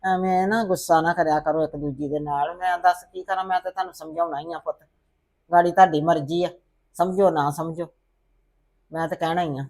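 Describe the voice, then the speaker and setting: A woman playing a patient, soothing mother-in-law in a family drama who keeps advising calmly. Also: on the low side, brisk, close to an everyday voice. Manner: calm, soothing, calls her "son".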